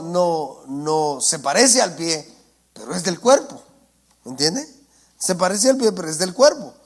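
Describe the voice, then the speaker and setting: A male preacher, giving a sermon and often asking his congregation "¿entiende?". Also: high-pitched. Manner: asks the congregation for assent, calls them brothers. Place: church.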